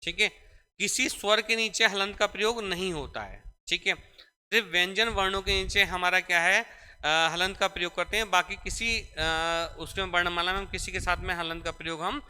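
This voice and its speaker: Young guy teaching grammar, high bright voice, lots of repeating, echoey room. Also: normal speed, smooth. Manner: explains step by step, repeats key points, calls students beta. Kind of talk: classroom lecture. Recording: echoey room with long reverb.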